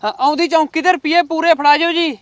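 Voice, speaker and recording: Very high-voiced preachy holy man. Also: fairly even intonation, quick pace, a bit bright, no room sound. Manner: soothing, preachy. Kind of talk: comedic short film acting.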